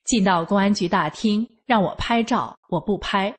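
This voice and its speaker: A woman narrating a first-person story in an earnest, steady manner. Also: mid-range voice, moderate pace.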